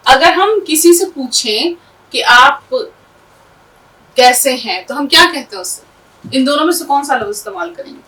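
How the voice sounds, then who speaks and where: Woman teacher, fairly high voice, patient, spelling words out letter by letter, a bit far from the mic. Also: animated, sharp tone. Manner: patient, explanatory, asks the class questions. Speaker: Urdu teacher. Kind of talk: classroom lesson, spelling out letters.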